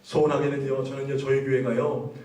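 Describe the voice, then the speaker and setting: Over crowd noise, a man with a mid-range voice delivers his sermon in a flat, slightly fast manner. Recorded by a distant mic in an echoing sanctuary, he questions the congregation and builds toward emphatic stretches.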